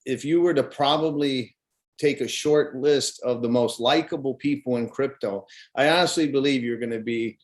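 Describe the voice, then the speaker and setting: A man's voice: mid-range voice, normal speed. A man hosting an interview, asking questions in a friendly, chatty way full of fillers. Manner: friendly, chatty, many uhs. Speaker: interview host. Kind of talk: casual interview.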